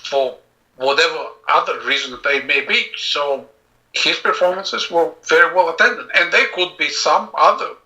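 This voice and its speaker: A middle-aged man, talking as a guest in an interview. His voice is markedly bright and forceful and sits a little high. He speaks reflectively, halting often with fillers and restarts. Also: low-quality recording. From Azerbaijan. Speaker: composer and pianist guest. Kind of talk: casual interview talk.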